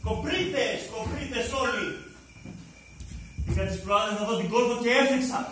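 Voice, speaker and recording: A male stage actor performing a bitter, sarcastic monologue in a live theatre, swinging between shouting and muttering. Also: very high-pitched. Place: drama school stage. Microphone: far room mic. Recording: very echoey distant stage recording with noise. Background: audience laughter.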